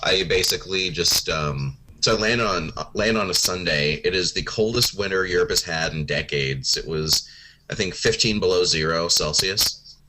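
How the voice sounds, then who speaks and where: A man's voice: sits low, moderate pace, sharp tone, rough recording. A young man co-hosting a podcast, chatting casually about travel, laid-back, swearing and laughing often. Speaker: podcast co-host. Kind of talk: casual chat.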